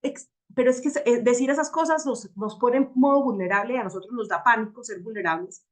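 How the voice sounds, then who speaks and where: A woman's voice: fairly high pitch, fairly quick. Lady teaching a self-growth workshop, reflective, keeps asking the group if they follow. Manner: reflective, checks in with listeners often, acts out example dialogues. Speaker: workshop facilitator.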